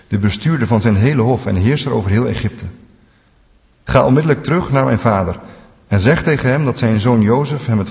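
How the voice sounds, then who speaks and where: A man's voice: mid-range voice, a little mellow, big-room sound, natural voice. A man reading as a heartfelt ruler. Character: emotional male ruler revealing himself to brothers.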